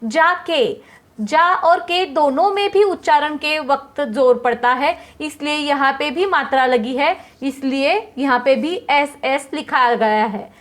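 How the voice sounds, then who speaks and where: A woman with a high voice teaches a class lesson, slow and unhurried. She explains patiently, step by step, and goes over each point again for her students. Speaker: Hindi teacher. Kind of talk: explaining poetry meter to students.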